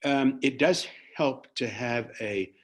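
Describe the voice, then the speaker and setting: A man's voice: medium pitch, slow pace. A man from Zimbabwe presenting a webinar, answering audience questions over a video call with frequent hesitations and restarts. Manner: hesitant, many restarts and fillers.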